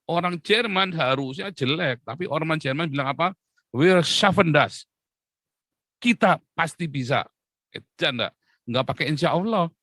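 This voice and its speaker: A man's voice: a little high, animated, moderate pace, pushed and bright, no room sound. A man preaching a humorous sermon, acting out little dialogues and laughing often.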